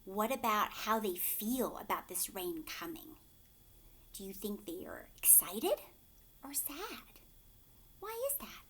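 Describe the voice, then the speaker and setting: With a breathy edge to her mid-range voice, a teacher reads a story to children slowly and with frequent pauses. She is expressive, emphasizing key words and regularly asking the kids questions.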